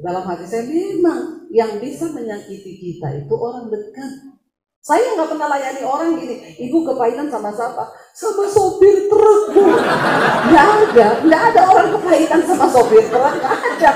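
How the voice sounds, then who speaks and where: A woman pastor with a high voice preaches to her congregation. She tells a story with lively humor and laughs often. Her voice rings out in an echoey church room. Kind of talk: sermon storytelling.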